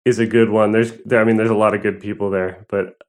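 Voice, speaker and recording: A young guest musician from Southern California rambles hesitantly through his story in a casual interview, laughing and using many fillers. His lowish voice keeps a level tone at a quick pace.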